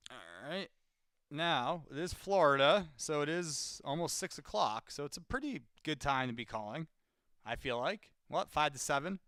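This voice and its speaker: A man talks casually to an online audience between phone calls, his voice smooth and resonant. The sound is dry and close, with no room around it. He rambles loosely, restarting phrases and answering viewers as he goes. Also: a little high, lively intonation, normal speed, fairly bright tone, no room sound. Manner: chatty, talks straight to viewers and answers chat; loose, full of fillers and restarts. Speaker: sales caller making live calls. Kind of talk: live-streamed commentary while cold calling.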